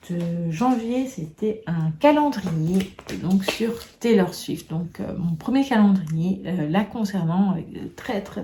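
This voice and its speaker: A woman's voice: medium pitch, warm tone. A woman chatting casually in a monthly vlog wrap-up, hesitant and full of fillers and restarts. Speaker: booktube vlogger.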